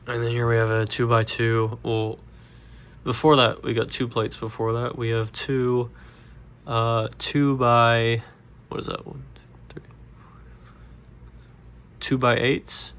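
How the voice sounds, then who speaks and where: A congested man walking through a Lego build step by step, relaxed and rambling with fillers. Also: medium pitch, clean tone. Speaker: Lego builder, channel host. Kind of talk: casual build tutorial.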